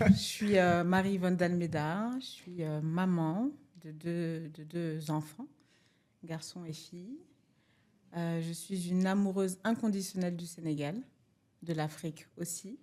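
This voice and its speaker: A woman's voice: on the low side, fairly even intonation, unhurried, warm tone. A middle-aged woman from France, speaking as a podcast guest, hesitant and full of fillers. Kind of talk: casual podcast conversation.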